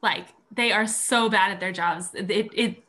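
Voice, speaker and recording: A woman's voice: mid-range voice, measured pace, pushed and bright. A woman co-hosting a podcast in a casual chat about a TV show, making wry, joking remarks. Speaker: podcast co-host.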